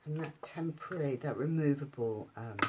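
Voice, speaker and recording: A woman demonstrating paper crafts at home, chatting in a relaxed way and thinking aloud with many ums. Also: low-pitched, normal speed, background noise. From United Kingdom. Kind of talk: casual craft tutorial.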